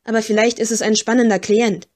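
A woman voicing a brisk, eager young male agency leader in an audiobook reading. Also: on the high side, steady tone, a little mellow, close to an everyday voice.

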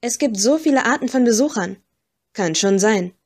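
A woman's voice: a little high, lively intonation, normal speed. A woman voicing a sly, smug male ghost in a skull in an audiobook reading, with a whispery touch.

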